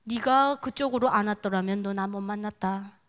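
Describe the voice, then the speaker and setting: A woman voicing a gentle, fatherly God during a testimony, speaking slowly and tenderly. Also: mid-range voice, pitched below the performer's own voice, close to an everyday voice.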